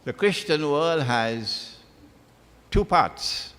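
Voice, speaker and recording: A man delivers an unhurried religious lecture, his pitch rising and falling widely as he drives points home. He repeats key phrases for emphasis. The sound carries a long reverb, like a large hall. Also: expressive, fairly bright tone. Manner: emphatic, repeats phrases, recites Arabic verses. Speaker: Islamic lecturer.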